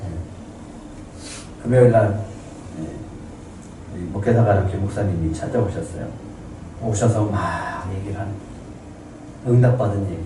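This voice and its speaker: A man's voice: on the low side, far from the mic, background noise. A man preaching a Sunday sermon as a pastor, asking the congregation questions and answering them himself. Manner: acts out quoted people in a raised voice. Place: church sanctuary. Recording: very echoey room, voice from off the mic.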